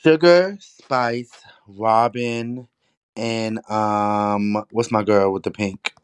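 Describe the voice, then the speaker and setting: A man's voice: lowish voice, steady tone, very slow, clean tone, no echo, clean studio sound. A man co-hosting a podcast in casual chat, sassy and emphatic, with plenty of swearing. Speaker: podcast co-host.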